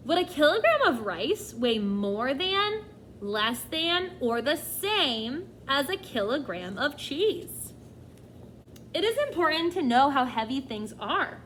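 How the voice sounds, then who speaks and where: A woman teacher with a high, somewhat bright voice reads a nonfiction book aloud to children, with a little hiss or hum in the recording. She reads expressively, often turning to the kids directly with questions and asides.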